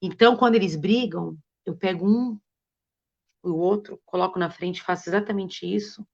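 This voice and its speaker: Over dull, lo-fi live-stream audio, a female guest chats casually, earnestly recounting stories and performing the lines she says to her kids. She speaks at a moderate pace in a lowish, creaky voice.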